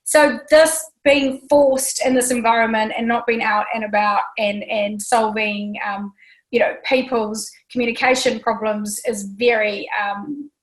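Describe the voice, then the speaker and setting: A woman's voice: on the high side, steady tone, unhurried, rough recording. A woman hosting a casual interview chat, talking freely with many ums and restarts. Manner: chatty, lots of ums and restarts. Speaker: talk show host.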